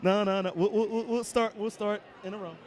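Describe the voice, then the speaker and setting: A man's voice: high voice, fairly even intonation, a little fast, a little mellow, a faint crowd. A man hosting cosplay interviews at a convention, teasing his co-host in a playful, announcer-like way. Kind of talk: casual interview chat. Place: outdoors at a fan convention.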